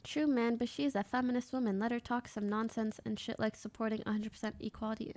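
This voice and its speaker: A woman's voice: a little high, little pitch movement, fast, darkish tone. A woman in her twenties from Canada, a streamer chatting bluntly and casually while reacting to clips and reading chat.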